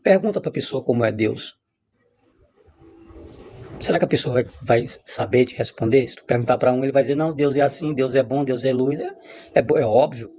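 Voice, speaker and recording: A man's voice: mid-range voice, brisk, warm tone, breathy edge. A man giving an unscripted spiritual teaching, talking in an emphatic, repetitive way with frequent restarts. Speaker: religious teacher. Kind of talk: spontaneous spiritual teaching monologue.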